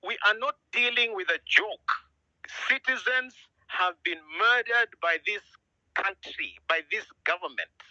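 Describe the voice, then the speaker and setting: A man's voice: sits high, a little slow, sharp tone, no echo, lo-fi sound. A middle-aged man with a Kenyan accent, speaking out with earnest, emphatic force and repeating lines for weight. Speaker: musician and citizen speaking out. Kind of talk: impassioned speech.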